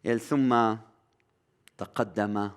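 A man with a Lebanese accent preaching a sermon as pastor, rising to loud cries and dropping to hushed, near-whispered lines. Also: fairly low pitch, steady tone, slow pace, clean tone.

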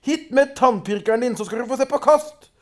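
A man voicing a clever, cocky young peasant lad who talks in a brisk, teasing, boastful way. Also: extremely high pitch, pitched above the performer's own voice.

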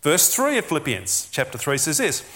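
A man's voice: a little high, wildly swooping pitch, normal speed, fairly bright tone. A man preaching a sermon as a pastor, earnest and emphatic, often asking rhetorical questions.

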